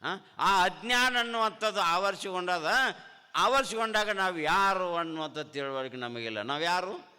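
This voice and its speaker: A man's voice: sits high, unhurried, pushed and bright, clean tone. A man, a swami giving a devotional sermon with a North Karnataka Kannada accent, asking rhetorical questions and repeating key phrases. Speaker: swami giving a spiritual discourse. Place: ashram hall. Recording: reverberant hall.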